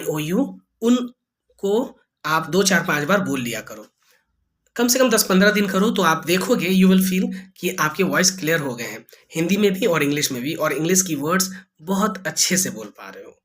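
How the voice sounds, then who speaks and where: A man's voice: a little high, animated, normal speed, fairly bright tone. A man teaching a spoken English lesson in casual Hindi, drawing out vowel sounds and repeating them with corrections. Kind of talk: online lesson, explaining in casual conversational Hindi.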